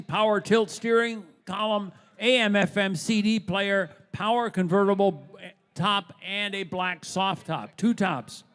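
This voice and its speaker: A man's voice: high voice, a bit bright, big-room sound. A man announcing auction lots, formally listing details phrase by phrase. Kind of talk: announcing lot descriptions. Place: large auction hall.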